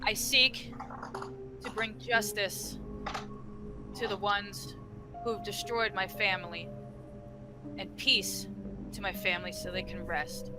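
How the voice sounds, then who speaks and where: Commanding female paladin for tabletop fantasy, acted by a woman, measured slow pace, imperious delivery. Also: mid-range voice, fairly even intonation, music in the background, close to an everyday voice. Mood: solemn resolve. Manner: declarative, imperious. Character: proud, commanding lady paladin seeking justice.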